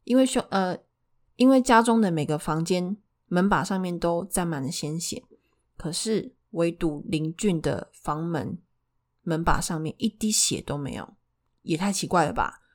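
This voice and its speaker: A woman's voice: lowish voice, lively intonation, moderate pace, a little mellow. A woman with a Taiwanese Mandarin accent telling true crime in a conversational way as a narrator, putting questions to her listeners. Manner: poses rhetorical questions to listeners.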